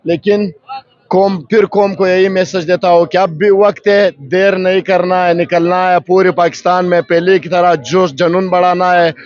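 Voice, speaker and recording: A party worker at a rally giving a fervent, rousing political speech to a reporter. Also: male voice, sits high, steady tone. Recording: dull lo-fi field recording.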